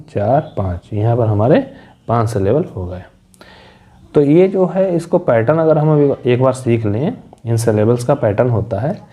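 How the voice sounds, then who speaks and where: Mellow-voiced man teaching step by step. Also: mid-range voice, slightly rough. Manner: explains step by step, asking and answering his own questions. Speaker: English teacher. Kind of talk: classroom lesson explaining syllable patterns.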